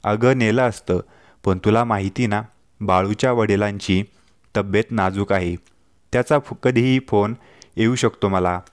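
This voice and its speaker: A man's voice: fairly low pitch, measured pace, clean tone, no echo, clean studio sound, lightly acted. A man doing a joking young husband. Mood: jokey. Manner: jokey, reassuring. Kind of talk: storytelling dialogue.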